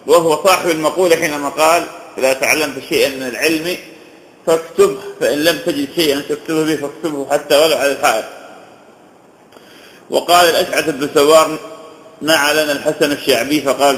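A man giving a religious lesson, reciting long lists of scholars' names and slowing down to stress key points. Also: on the high side, fairly bright tone, echoey room, rough recording. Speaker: hadith teacher. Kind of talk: religious lesson on hadith narrators.

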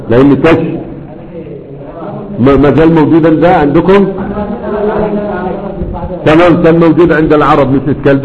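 A man's voice: a little high, long reverb tail, muffled recording, a little hiss or hum. A man teaching a class, explaining and checking in with his students again and again. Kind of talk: classroom lecture.

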